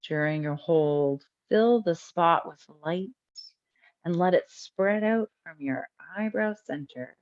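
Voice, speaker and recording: Leading a guided breathing exercise, a woman with a fairly low voice speaks calmly and without hurry. She lets long silences fall between her instructions, and the audio sounds dull.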